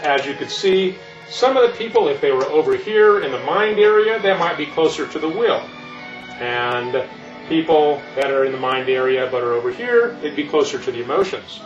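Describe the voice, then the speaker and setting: A man's voice: on the high side, animated, moderate pace, natural voice. A man playing Santa Claus as an older keynote speaker, explaining things in a folksy, meandering way. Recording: echoey, distant, muffled, music behind.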